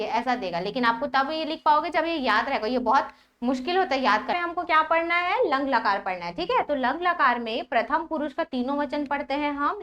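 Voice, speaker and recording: Woman teacher, high voice, patient step-by-step classroom explanation, recites forms in drill rhythm. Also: a bit bright, dull audio. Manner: checks understanding with repeated "ठीक है?".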